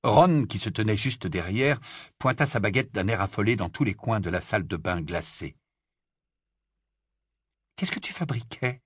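Husky expressive male audiobook narrator. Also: fairly low pitch, normal speed, no room sound, clean studio sound. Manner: expressive storytelling. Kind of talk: scripted narration.

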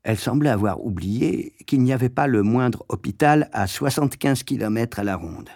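A man narrating a story aloud in a lively, dramatic reading. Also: medium pitch, moderate pace, creaky, no echo, studio quality.

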